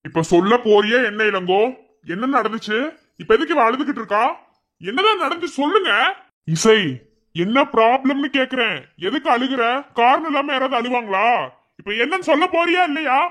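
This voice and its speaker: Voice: mid-range voice, lively intonation, moderate pace, long pauses, a little mellow, lightly acted. A performer voicing a stern, short-tempered elder brother in a cartoon, demanding answers and raising his voice. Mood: angry, demanding. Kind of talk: cartoon voice acting.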